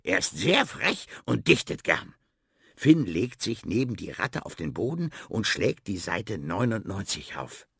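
A man narrating a children's story in a lively storytelling manner. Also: lowish voice, a little slow, creaky, slightly rough, no room sound, studio quality.

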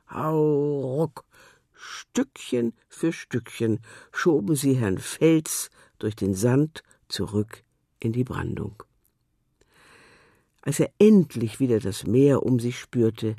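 A narrator reading a children's storybook aloud in a gentle, expressive way. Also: mid-range voice, no room sound, clean studio sound.

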